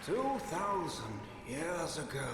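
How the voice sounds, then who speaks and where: A man's voice: fairly high pitch, big pitch swings, takes it slowly, crowd noise. An actor playing an old man who gives a solemn, formal church sermon in a video game cutscene. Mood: solemn preaching. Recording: echoey hall under loud music.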